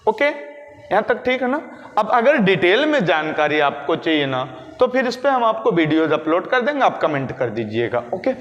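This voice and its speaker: A man's voice: high-pitched, very animated, highs cut off. A male biology teacher giving a lecture, asking questions and then answering them himself. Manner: explains slowly, asks and answers his own questions. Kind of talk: classroom-style lecture. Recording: echoey room with long reverb.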